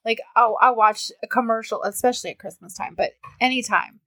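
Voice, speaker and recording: A woman's voice: a little high, brisk, sharp tone, no echo. A woman guest telling personal stories in a casual, chatty way, full of filler words. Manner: chatty storyteller, many filler "like"s. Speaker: podcast guest. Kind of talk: casual chat.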